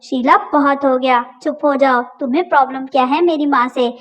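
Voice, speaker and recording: A woman's voice: high-pitched, fairly even intonation, fairly quick, lightly acted. A woman voicing an exasperated young husband who scolds his wife. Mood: angry. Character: fed-up young husband, short-tempered.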